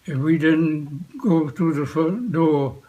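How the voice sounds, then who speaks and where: Very slow, halting elderly veteran man remembering. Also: fairly high pitch, mellow, highs cut off. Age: 80s or older. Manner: old veteran remembering, halting short phrases with long pauses. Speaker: war veteran being interviewed. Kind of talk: unscripted reminiscence, recalling the past.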